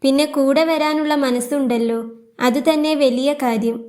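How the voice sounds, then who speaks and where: A woman voicing a weary, grieving young widowed mother who speaks in a soft, tearful, pleading way. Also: sits high, steady tone, moderate pace, lightly acted. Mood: sorrowful.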